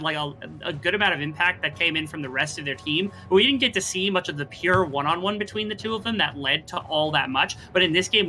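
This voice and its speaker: A fast-talking esports caster with a bright, forceful voice and middling pitch. The delivery is live game commentary, conversational and analytical, running through long explanations.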